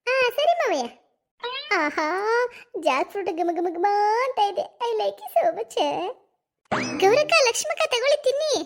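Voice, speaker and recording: A scheming young daughter-in-law, voiced by a woman in a cartoon comedy, her voice pitched very high and squeaky. She fusses and coaxes with mock sweetness, slipping in English catchphrases. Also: very animated, measured pace, long pauses, heavily acted. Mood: sweet gloating. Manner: fussy and coaxing, sprinkles English catchphrases.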